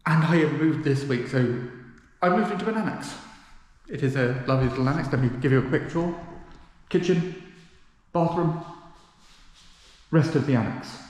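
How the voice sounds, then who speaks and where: A vlogger chats casually to camera, his voice echoing heavily around a nearly empty indoor room. He has a fairly high, darkish voice, speaking at normal speed and pausing often.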